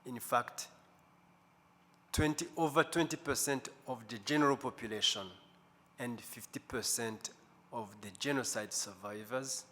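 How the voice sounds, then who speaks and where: A man in his fifties giving a deliberate, slow testimony talk as guest speaker at a church service, pausing often. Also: mid-range voice, pushed and bright. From Rwanda. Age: 50s. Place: large church sanctuary. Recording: echoey church hall, faint room noise.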